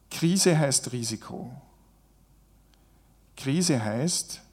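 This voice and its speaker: A man giving a reflective spoken lecture, measured and deliberate, building his points in long lists. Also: mid-range voice.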